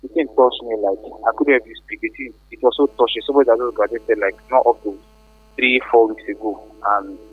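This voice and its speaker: A man's voice: medium pitch, slightly rough, no echo. Nigerian man talking over the phone. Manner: earnest, repeats himself while building a point. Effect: heard over a phone line. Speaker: radio caller. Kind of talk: call-in opinion. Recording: tinny dry phone line.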